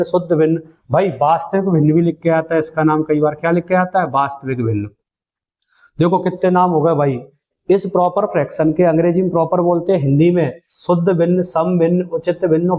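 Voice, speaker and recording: Male maths tutor, mellow and a bit high, drills students with call-and-response. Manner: call-and-response drilling, asks then answers himself; calls students "beta" and "bhai". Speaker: maths teacher. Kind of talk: exam-prep maths lesson.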